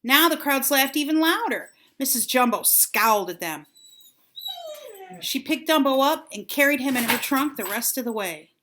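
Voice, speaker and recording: An older woman reads a children's story expressively. Her voice is bright and fairly high, and she draws out words for dramatic effect. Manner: deliberate, dramatic phrasing with drawn-out words. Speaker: grandmother reading a storybook aloud.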